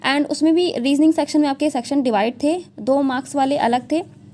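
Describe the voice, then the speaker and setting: A woman's voice: sits high, brisk, warm tone, a little hiss or hum. A young woman talking through an exam analysis in a casual, chatty way, often checking in with her viewers and mixing English into her Hindi. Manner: chatty, repeats "theek hai" often, mixes English into Hindi. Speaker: exam prep educator.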